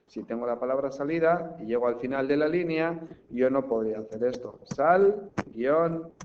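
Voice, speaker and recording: A man teaching a language lesson. He breaks words into syllables slowly and keeps checking in with the class. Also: medium pitch. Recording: slightly dull recording with faint background hiss.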